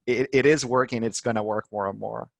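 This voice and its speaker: Speaking a bit fast in a mid-range, creaky voice with fairly even intonation, a Brazilian man appears as a guest in a business interview. As head of marketing, he is eager and repeats words while searching for how to say things. The recording sounds dry.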